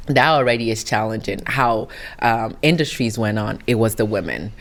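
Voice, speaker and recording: A woman's voice: rumbling low, moderate pace. A woman from Italy, giving reflective, encouraging interview answers in an earnest way. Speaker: interview guest, founder.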